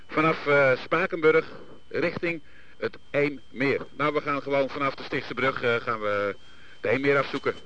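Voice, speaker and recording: A man's voice: medium pitch, normal speed. A man on a lifeboat crew reporting over a marine VHF radio transmission, matter-of-fact with hesitant fillers. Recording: dull radio line with static.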